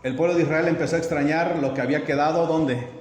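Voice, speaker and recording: Male pastor, higher voice, conversational sermon, reverberant hall with faint hiss. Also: steady tone, fast, darkish tone, soft background music. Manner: asks the congregation questions, acts out dialogues. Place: church hall.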